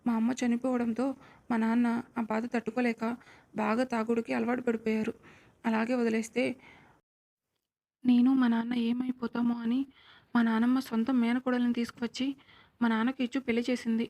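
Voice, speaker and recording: A timid young woman, frightened and pleading, as a narrator reads her, soft and anxious. The voice sits slightly high and moves little in pitch. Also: flat delivery, a little fast, pauses often, close to an everyday voice. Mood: fearful. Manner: soft, fearful.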